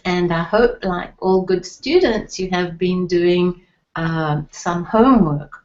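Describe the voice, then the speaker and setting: A middle-aged woman with a fairly low, slightly mellow voice gives a slow, deliberate online Hebrew lesson, patiently spelling out letters and their sounds. The recording is dull and lo-fi.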